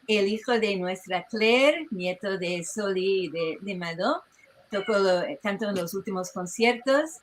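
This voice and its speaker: Woman, slightly raised pitch, researcher presenting online, lively, digressive, breaks off mid-phrase, video-call microphone. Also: rough recording. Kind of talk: informal presentation to an online audience.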